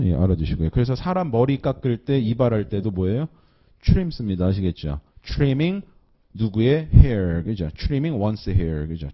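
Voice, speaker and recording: A man teaching an English listening class, slowly repeating phrases and checking in with students after nearly every line. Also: fairly low pitch. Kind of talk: recorded online lecture. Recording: dull lo-fi lecture recording.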